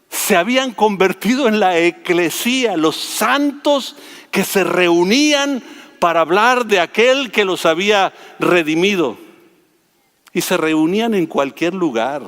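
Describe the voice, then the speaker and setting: A man with a Mexican accent giving a lively sermon, joking and often restarting his sentences. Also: sits high. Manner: lively, humorous, frequent restarts. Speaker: preacher. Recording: long hall reverb.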